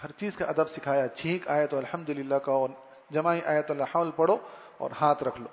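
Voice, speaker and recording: A high-pitched male Islamic preacher gives a sermon on manners in a relaxed, storytelling manner, mimicking small sounds to make his points. His intonation stays fairly even. A long reverb, like that of a large hall, surrounds his voice, and the recording sounds muffled and dull.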